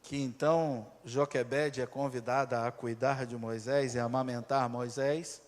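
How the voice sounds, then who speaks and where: A male pastor with a Brazilian accent preaching a sermon, telling the story dramatically, swinging from loud to hushed. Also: mid-range voice, fairly even intonation, normal speed. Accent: Brazilian Portuguese. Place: church. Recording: reverberant church hall.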